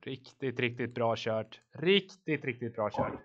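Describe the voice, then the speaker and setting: A man's voice: mid-range voice, animated, fairly bright tone, lo-fi sound. A man coaching his team live over voice chat during a virtual bike race, encouraging riders and calling out watts and turns.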